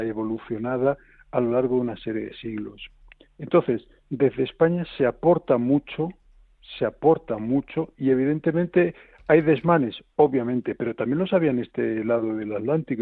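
A man, a history of law professor, giving measured, lecturing answers in a radio interview, with many fillers and restarts. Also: medium pitch, no echo, phone-quality sound.

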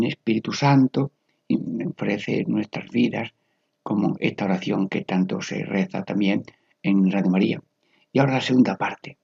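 A man leading a family catechesis and guided prayer, speaking in a slow, meditative way and repeating single prayer words with pauses. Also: on the low side, creaky, darkish tone, slightly rough, no echo, highs cut off.

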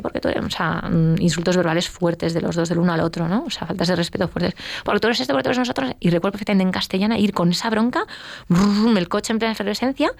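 Fast-talking gravelly woman. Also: fairly low pitch, dry recording, studio quality. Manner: lively storytelling, acts out quoted dialogue. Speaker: interview guest. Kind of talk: personal testimony.

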